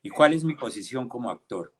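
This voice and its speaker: An older man, an invited theatre director speaking on a video call in a reflective, deliberate way, full of pauses, fillers and emphatic rhetorical questions. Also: medium pitch, expressive. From Colombia. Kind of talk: reflective panel talk. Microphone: computer or headset mic on a video call.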